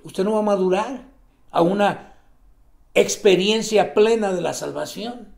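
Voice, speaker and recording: High gravelly preacher man, animated. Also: measured pace. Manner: animated preaching, swinging between loud exclamations and hushed emphasis. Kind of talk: sermon.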